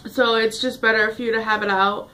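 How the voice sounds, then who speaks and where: A woman's voice: fairly high pitch, level tone, fairly quick, pushed and bright. A young woman chatting casually in a home vlog, rambling and restarting her sentences as she talks to her viewers. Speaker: vlogger. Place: home room, at a table.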